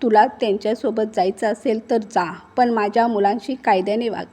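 A woman voicing a hostile young wife who sneers and shouts at her family. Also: a little high, steady tone, moderate pace, lightly acted. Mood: angry scornful.

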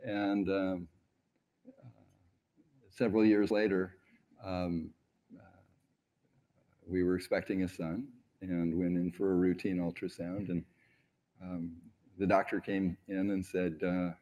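A man's voice: sits low, little pitch movement, takes it slowly, pauses often, warm tone. A middle-aged man on an event stage telling stories in an interview, earnest and reflective, with frequent hesitations, on a lapel mic. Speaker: award honoree on stage. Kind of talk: onstage interview storytelling. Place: large event stage, indoors.

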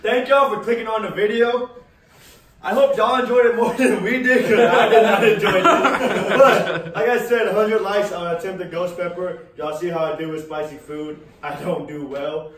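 A young man hosting a challenge video, chatting casually and excitedly with friends. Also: high voice, moderate pace. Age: young adult. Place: garage. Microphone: camera a few metres away. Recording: echoey garage, distant mic, noisy.

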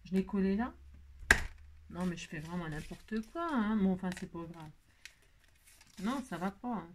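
A woman's voice: fairly low pitch, animated, normal speed, a little mellow, slight background noise. A tired woman hosting a casual crafting tutorial, chatty and self-mocking, talking straight to her viewers.

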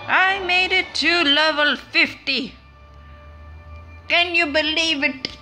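Picture a gamer suddenly putting on a high, exaggerated Indian accent to brag about her level, a woman doing the voice well above her usual pitch and drawn out in a slow, showy delivery. Faint game music plays behind her. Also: sharp tone, exaggerated voice. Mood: boastful. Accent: Indian, put on.

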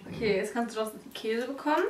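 High-voiced, disgusted young woman in a roomy recording. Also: brisk. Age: 20s. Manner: expressive, complaining in disgust. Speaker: food challenge vlogger. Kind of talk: casual chat. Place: living room on a couch. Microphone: camera a step or two away. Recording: roomy, distant mic, loud noise, clatter.

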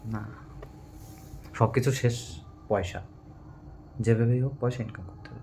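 Plain-spoken husband at home. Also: male voice, mid-range voice, a little slow, vocal fry, a little mellow, a little hiss or hum. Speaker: vlogger's husband. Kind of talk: casual domestic conversation.

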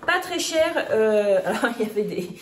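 A woman in her thirties, a vlogger, chats casually about her grocery haul in a fairly high, very animated voice at a moderate pace. Her talk is full of fillers and restarts. The room sounds echoey, with faint noise.

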